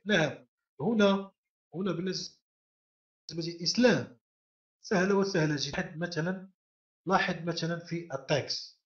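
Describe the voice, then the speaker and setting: A man's voice: sits high, fairly bright tone. A man teaching a class, patiently repeating and drilling sounds and quizzing his students. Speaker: language teacher. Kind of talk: classroom lesson. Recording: echoey room, dull lo-fi sound.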